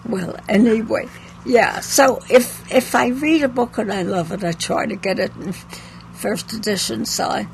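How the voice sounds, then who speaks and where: Speaking a little slowly in a mid-range voice with some vocal fry, the older bookseller rambles through anecdotes in a relaxed interview and chuckles at her own tales. The rough recording has slight background noise.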